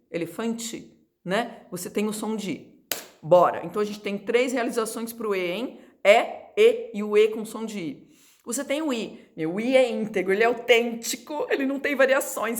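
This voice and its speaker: A woman, teaching Spanish in a lively, chatty video lesson, drawing out sounds to demonstrate them. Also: medium pitch.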